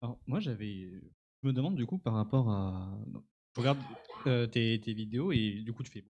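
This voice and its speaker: A man in the audience asking a halting question, searching for words. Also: medium pitch, lively intonation, a little mellow, highs cut off, a little hiss or hum.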